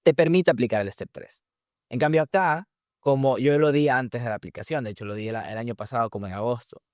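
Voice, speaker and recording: A male surgery resident in the US, a native Spanish speaker, appears as an interview guest and explains things in a relaxed way, with frequent restarts and fillers. His mid-range voice moves fast, recorded in studio quality with no echo.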